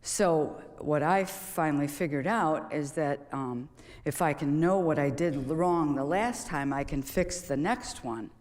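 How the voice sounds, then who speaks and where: A woman speaks from the stage of a large auditorium, giving a motivational talk in a chatty, storytelling way. Her voice sits on the low side, and the hall adds a long, lingering reverb. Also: measured pace, darkish tone. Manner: conversational, storytelling, with rhetorical questions. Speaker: public speaker and golf coach.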